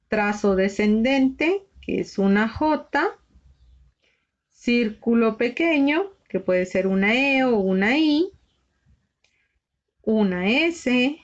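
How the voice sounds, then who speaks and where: A woman teaching a shorthand lesson, patiently spelling out letters one by one. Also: fairly high pitch. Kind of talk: slow step-by-step lesson. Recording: slightly dull lo-fi recording.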